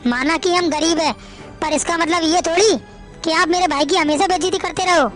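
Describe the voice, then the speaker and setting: Woman as a firm young wife in a family drama, high-pitched, earnest and lecturing. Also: fairly quick, soft background music.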